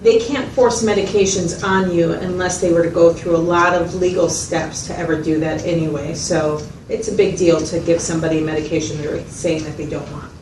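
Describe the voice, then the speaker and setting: A woman acts the part of a mental health facilitator in a dramatized consultation, patiently and methodically explaining each step and making sure she's understood. She speaks at a normal speed in a natural, fairly low voice with fairly even intonation and hardly any pauses. The recording has a roomy, distant, noisy sound.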